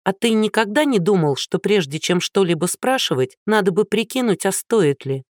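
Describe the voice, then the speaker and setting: A woman's voice: medium pitch, lively intonation, moderate pace, dry recording, clean studio sound, voice pushed up, lightly acted. A narrator voicing a haughty, short-tempered actress in her thirties who talks down sharply. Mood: indignant. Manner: sharp, condescending.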